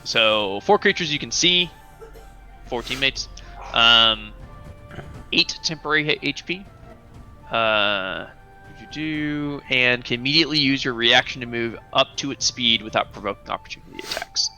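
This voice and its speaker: A man's voice: mid-range voice, normal speed, sharp tone, soft background music, rough recording. A man playing a tabletop game, chatting casually with lots of fillers and giggles.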